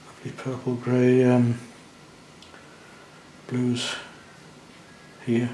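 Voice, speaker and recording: A man, gently talking through a watercolour demonstration as he paints, thinking aloud in a chatty way. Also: mid-range voice, monotone, very slow, roomy sound, a little hiss or hum. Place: indoor studio at the easel.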